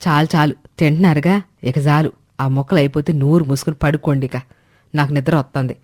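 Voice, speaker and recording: A woman voicing a tired, scolding old mother-in-law in an animated story. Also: low-pitched, brisk. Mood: exasperated. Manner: tired nagging, hushed and cautious.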